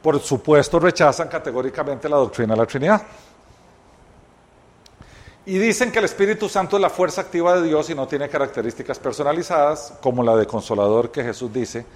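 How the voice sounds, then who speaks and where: A man's voice: a little high, brisk. A man teaching a Bible study, explaining scripture step by step and sometimes correcting himself mid-sentence. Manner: explanatory, retells scripture scenes with voiced dialogue; occasional self-corrections.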